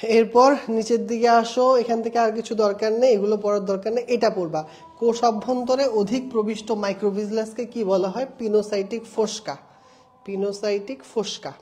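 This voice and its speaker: A young male tutor with a soft, mellow tone lectures an online exam-prep class. He explains with memory tricks and little stories. He keeps repeating the key terms and quizzing his students so the answers stick. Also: high voice, steady tone, normal speed. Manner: explains with mnemonics and personal anecdotes.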